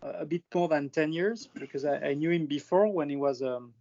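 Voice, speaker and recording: A man's voice: fairly high pitch, a little fast, dark tone. A man with a French accent, talking casually on a video call, hesitant, with many fillers and restarts. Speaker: presenter on France in a video call. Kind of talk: casual chat. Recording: dull lo-fi call audio.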